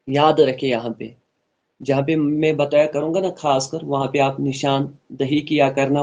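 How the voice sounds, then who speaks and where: A man teaching an online tajweed lesson, explaining rules earnestly and repeating points, then modelling slow melodic recitation. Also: fairly high pitch, darkish tone.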